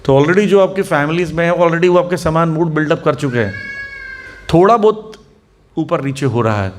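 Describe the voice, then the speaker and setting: A man's voice: a little high, lively intonation, moderate pace, slight background noise. A man preaching to a seated audience, telling anecdotes, acting out the people in them and asking rhetorical questions. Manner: storytelling, acts out the people in his anecdotes. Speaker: spiritual teacher. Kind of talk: Hindi sermon to a seated audience, mixing English words.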